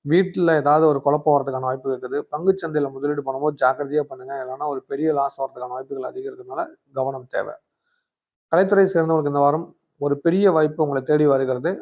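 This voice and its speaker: Fast, chatty astrologer man. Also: a little high, steady tone, darkish tone, highs cut off. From Tamil Nadu, India. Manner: chatty, scolding yet coaxing, asks rhetorical questions. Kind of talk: weekly horoscope talk to camera.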